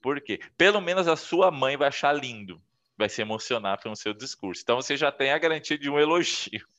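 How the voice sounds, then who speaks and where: A man's voice: mid-range voice, lively intonation, a little fast, bright, forceful tone. A man coaching on communication in an interview, explaining step by step and acting out the voices in his little stories. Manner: explanatory, acts out quoted voices while telling stories. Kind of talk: interview advice talk. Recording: dull lo-fi sound.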